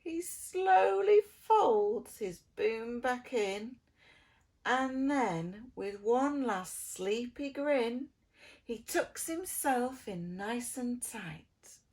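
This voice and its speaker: A woman reads a children's picture book aloud like an expressive preschool storyteller, theatrical and drawing out her words before dropping into soft, hushed phrases. Her voice sits on the high side, and she reads very slowly.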